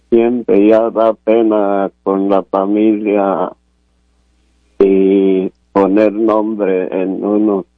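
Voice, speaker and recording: A man from Guatemala calling in, asking a question in a halting, hesitant way over the phone. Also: fairly low pitch, no echo. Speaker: caller. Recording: tinny phone line.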